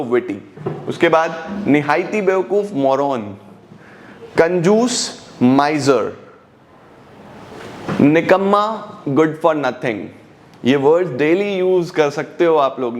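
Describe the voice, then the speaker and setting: A man with an Indian accent teaching a vocabulary lesson, saying each Hindi word and then its English meaning, often repeating it slowly. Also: fairly high pitch, a little hiss or hum.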